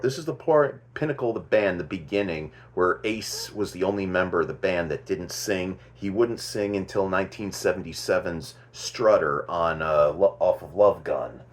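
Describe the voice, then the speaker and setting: A man hosting a casual music commentary, thinking aloud and stopping to correct himself as he goes. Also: fairly low pitch. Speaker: host.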